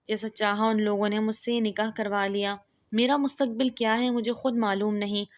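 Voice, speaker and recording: A woman's voice: mid-range voice, little pitch movement, close to an everyday voice. A woman voicing a sorrowful young woman uncertain of her arranged marriage in a read-aloud story. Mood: sad. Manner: sorrowful, resigned.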